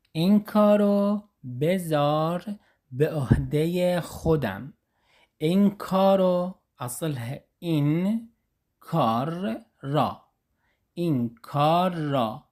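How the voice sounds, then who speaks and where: A man's voice: medium pitch, darkish tone. Iraqi man teaching Persian phrases. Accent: Iraqi Arabic. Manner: slow careful repetition of example phrases. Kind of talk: explaining Persian phrases in Arabic.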